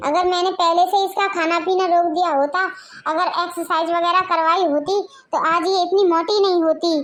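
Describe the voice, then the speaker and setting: Casting: a harsh domineering husband, voiced by a woman in a very high voice, barking orders. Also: steady tone, moderate pace, a bit bright. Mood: stern. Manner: scolding, commanding. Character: bossy harsh husband scolding his wife.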